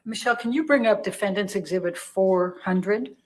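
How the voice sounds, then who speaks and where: A woman attorney questions a witness in a mid-range voice, heard on a courtroom recording with faint noise beneath it. Her questions are brisk and procedural. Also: medium pitch, a little mellow. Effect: courtroom recording played in a livestream. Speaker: trial attorney. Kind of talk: direct examination.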